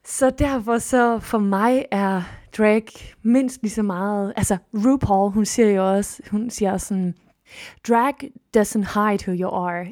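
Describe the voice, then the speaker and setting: A woman hosting a solo podcast, talking in a casual, expressive and chatty way, restarting often and swooping up now and then. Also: medium pitch, no echo, clean studio sound. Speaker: podcast host.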